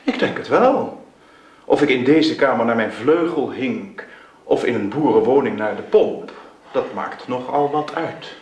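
A man's voice: mid-range voice, lively intonation, darkish tone, natural voice. Old radio drama, actor doing sardonic rich guy, theatrical, swoopy delivery, echoey room. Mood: wry, mocking. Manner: theatrical, mocking, deliberate phrasing. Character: sardonic, haughty wealthy brother with a biting wit.

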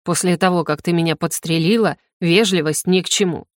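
A woman's voice: lowish voice, a little fast, dry recording, clean studio sound, lightly acted. A woman voicing a cold, mocking general. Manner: curt, clipped and sarcastic.

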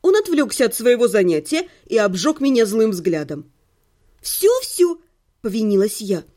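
A woman's voice on the high side with a dark tone, very animated, at a moderate pace. She reads a humorous first-person audiobook from a home recording setup, delivering it playfully and ironically with theatrical exclamations.

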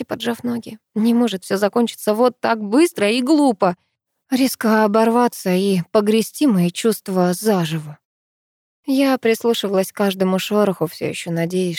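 A woman narrating a first-person audiobook with emotional, expressive delivery. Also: mid-range voice, no echo, studio quality.

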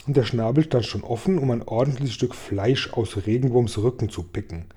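A man reading a children's book aloud with lively storytelling. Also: medium pitch, moderate pace, husky. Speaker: audiobook reader.

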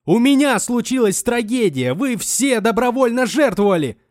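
A man voicing a desperate wounded young man, shouting through tears. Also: extremely high pitch, sing-song, moderate pace, dry recording, studio quality, pitched above the performer's own voice. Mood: sobbing, shouting.

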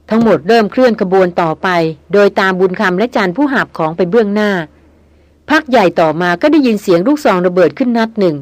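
A woman narrating an adventure novel in a steady storytelling read. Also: medium pitch, dry recording. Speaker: audiobook narrator. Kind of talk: scripted narration.

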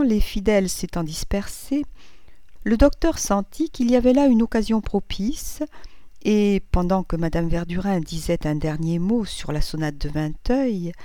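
A woman narrating a classic novel in a measured, even reading voice. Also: mid-range voice, no room sound. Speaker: audiobook reader.

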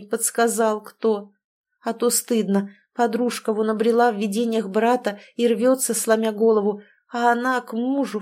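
A woman giving an expressive, conversational audiobook narration with an intimate storytelling manner. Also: on the high side.

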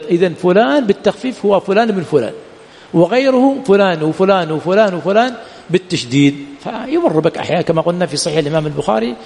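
Fast, high-voiced male lecturer in a hall. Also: a little mellow. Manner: rhetorical questions answered by himself, repeating key words. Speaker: Islamic studies teacher. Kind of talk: classroom lecture on hadith science. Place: lecture hall of an Islamic studies center.

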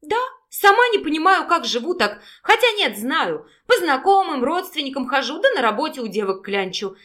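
Woman doing a sarcastic, spirited young heroine for an audiobook, high and bouncy, talks back loud. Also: big pitch swings, normal speed. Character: sharp-tongued young woman, feisty and sarcastic. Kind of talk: audiobook character voicing.

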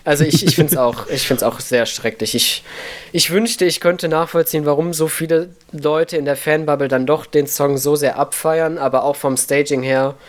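A man's voice: fairly high pitch, fairly even intonation, normal speed. A man co-hosting a podcast in casual chat, stating his opinions frankly. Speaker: podcast co-host.

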